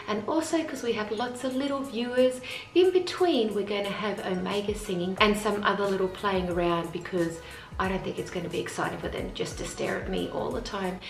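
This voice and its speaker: A woman, speaking at an ordinary pitch in a casual vlog. She reads each question aloud, then answers it plainly and matter-of-factly. The room is echoey, with faint music playing underneath. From Australia. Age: 40s. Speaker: family vlogger. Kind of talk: casual Q&A to camera. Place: family home with children nearby.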